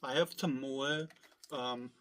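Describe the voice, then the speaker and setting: Male vlogger, hoarse from a cold, slow and meandering delivery, frequent fillers. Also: medium pitch, steady tone, fairly bright tone. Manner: rambling, full of fillers and restarts. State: hoarse from illness, clearing throat. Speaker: vlogger showing his collection. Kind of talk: casual rambling vlog. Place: at home.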